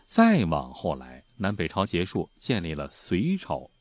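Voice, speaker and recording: A deep-voiced man tells history stories in a relaxed, folksy manner, his pitch swinging widely and his pace a little slow. The recording has no echo, and his chatty talk is full of filler particles.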